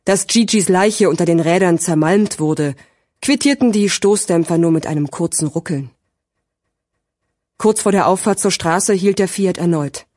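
A woman narrating a crime audiobook in a steady, measured way. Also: on the low side, no echo, studio quality.

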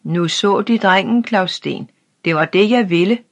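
An audiobook reader voicing a grave, loving craftsman father who speaks calmly and gently. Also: medium pitch, close to an everyday voice. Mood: defiant. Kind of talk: audiobook character reading.

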